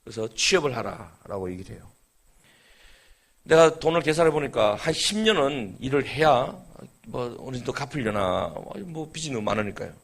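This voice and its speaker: A middle-aged man preaching a sermon, telling a personal story and dropping from hushed, quiet lines to loud, emphatic ones. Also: mid-range voice, animated, moderate pace. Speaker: pastor.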